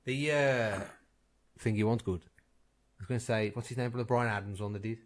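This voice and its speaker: A man's voice: medium pitch, normal speed. A man co-hosting a podcast, trading blunt, sweary banter and laughing often. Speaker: podcast co-host. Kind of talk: crude casual banter.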